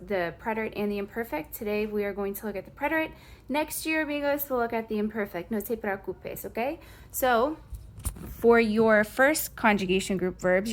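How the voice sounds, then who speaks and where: Woman, language teacher, recorded lesson, reassuring, mixes Spanish phrases into English. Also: mid-range voice. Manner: reassuring, checks in with "okay?" often.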